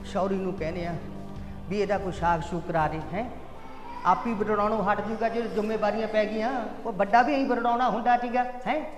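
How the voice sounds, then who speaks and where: An actor playing a gruff, fussing old village father-in-law, grumbling and scolding. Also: high-pitched, fairly even intonation, fairly quick, echoey room, in a large hall, over music, close to an everyday voice. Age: older.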